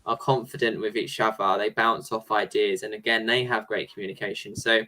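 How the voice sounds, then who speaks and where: Male co-host for a casual panel chat, bright tone, eager and fast in bursts. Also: fairly low pitch, level tone, low-quality recording. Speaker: podcast co-host.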